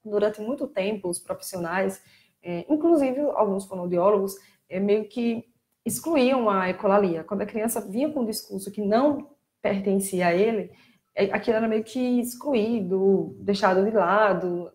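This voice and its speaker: Speaking at a normal speed with a medium pitch, a Brazilian woman talks informally on a live stream about her work as a speech therapist for children. She explains plainly, grows animated when copying how kids talk, and has a Brazilian Portuguese accent.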